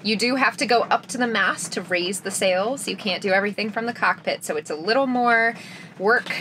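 A woman's voice: medium pitch, fairly quick. Young woman, casual interview guest, upbeat and chatty, recorded in a small boat cabin with faint background noise. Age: young adult. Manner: lively, laughs often, talks with her hands. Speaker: sailor guest.

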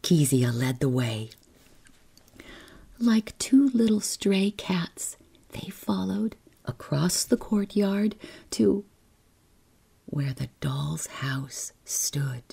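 Hushed, husky-voiced woman reading bedtime stories. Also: lowish voice, lively intonation, extremely slow, long pauses. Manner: hushed, half-whispered delivery. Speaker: bedtime story narrator. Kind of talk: soft, slow sleep-story reading.

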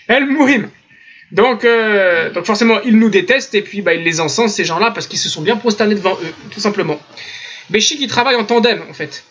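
Husky high-voiced man giving a lecture. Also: a little fast, a bit bright. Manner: sarcastic, mimics opponents with humor. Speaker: religious teacher. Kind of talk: online religious lecture. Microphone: computer mic in a voice chat room. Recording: lo-fi online voice chat audio.

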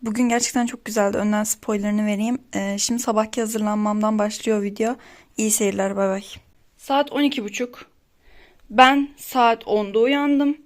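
A woman's voice: medium pitch, fairly even intonation, moderate pace. A young woman casually vlogging her study day, chatty and rambling, getting worked up over small annoyances. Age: young adult. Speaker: vlogger, exam student. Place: home, then a library.

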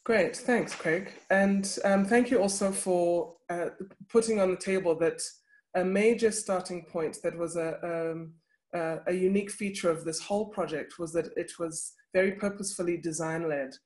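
A woman moderating a panel over a video call from a room with bookshelves, brisk as she reads questions from the chat. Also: lowish voice, steady tone, darkish tone. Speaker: panel host. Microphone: laptop webcam on video call.

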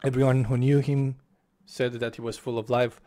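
Mellow and level in tone, a young man's mid-range voice moves at normal speed through a casual book review. He's a first-language Romanian speaker in a small bedroom at home, facing a desk microphone with webcam framing. Passionate, he uses both hands to gesture and often restarts his phrases.

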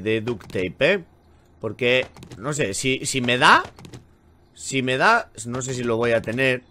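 A man talks through his game in a bright, lively voice that leaps up and down in pitch. He chats and grumbles, swearing freely as he plays. A faint hiss of background noise sits under his voice. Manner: chatty and exasperated, swears often. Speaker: gaming channel host. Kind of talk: let's play commentary.

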